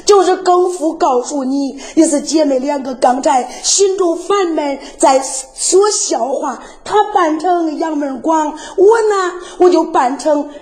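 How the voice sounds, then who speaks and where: A woman's voice: high voice, a little slow, few pauses, darkish tone. A woman voicing a young warrior daughter who pleads tearfully with her father.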